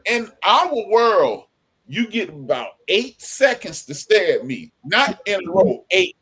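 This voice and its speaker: A man co-hosting a casual podcast, talking animatedly and acting out quoted lines in loud bursts. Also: high voice, very animated, takes it slowly, husky. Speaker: podcast co-host.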